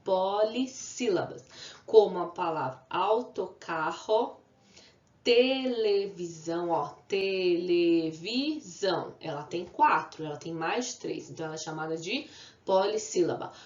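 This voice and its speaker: In a video lesson for children, a woman teacher with a lowish voice speaks at a normal pace, patiently drawing out example words. She asks the class questions and then answers them herself. The room is echoey and the sound slightly dull.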